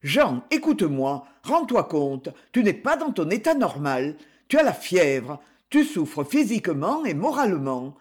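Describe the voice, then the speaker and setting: Man reading devoted friend, fervent and reproachful, lively high voice. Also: unhurried, hardly any pauses, breathy edge, full character voice. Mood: pleading. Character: loyal male friend, pleading and fervent.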